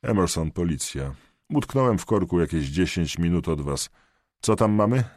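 A man's voice: low-pitched, animated, moderate pace, darkish tone, dry recording, studio quality. A man voicing a tense police commander who fires off clipped, urgent questions over a radio link, in an audiobook.

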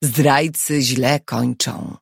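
A woman's voice: extremely low pitch, steady tone, drawn-out words, vocal fry, breathy edge, dry recording, clean studio sound, full character voice. A woman reading an audiobook who voices a tense, resolute husband in short, urgent lines. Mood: tense, firm.

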